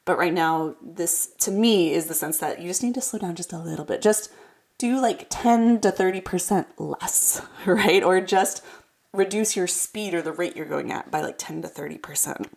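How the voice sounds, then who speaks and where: A woman with a lowish, slightly mellow voice and some vocal fry hosts a tarot card reading at a normal pace. She talks casually and straight to the viewer, reassuring and encouraging, repeating points for emphasis. She sounds a bit congested from a cold.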